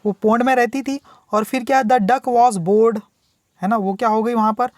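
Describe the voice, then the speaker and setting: A man with an extremely high, fairly even voice explains the meanings of English words in Hindi, patiently repeating himself and answering the questions he puts to the student. He slows down to read the English examples aloud. The studio-quality recording has no echo.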